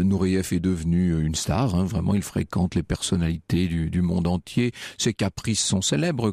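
A man's voice: on the low side, vocal fry, darkish tone, no room sound, clean studio sound. A man telling a history story on the radio in a conversational way, hesitant with many fillers and restarts.

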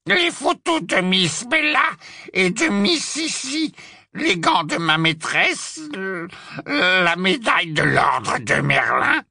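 A man voicing a wretched old male house-elf servant who croaks, stammers and wails in a high, slow voice. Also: pushed and bright, dry recording, studio quality, full character voice. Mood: panicked. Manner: wailing, high-pitched and slow.

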